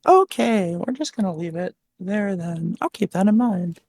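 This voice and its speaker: A woman's voice: mid-range voice, expressive, normal speed, darkish tone, no room sound. Dry-sounding woman coaching step by step. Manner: patient, step-by-step, with frequent "like" and "um" fillers. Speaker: voice coach guest. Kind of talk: instructional explanation in a live-stream conversation. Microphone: desktop mic with adjustable gain.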